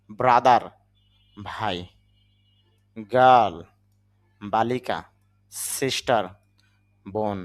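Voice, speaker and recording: A man with a Bangladeshi accent, a native Bengali speaker, giving a patient spoken English lesson and spelling words out letter by letter. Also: fairly low pitch. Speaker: English teacher.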